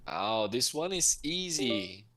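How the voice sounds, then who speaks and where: A man's voice: mid-range voice, very animated, slow, fairly bright tone, faint music behind. A man with a Brazilian Portuguese accent, co-hosting an online English lesson in a friendly, chatty way. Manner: friendly, chatty, comments on pronunciation. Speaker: co-host. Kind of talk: casual chat in an online lesson.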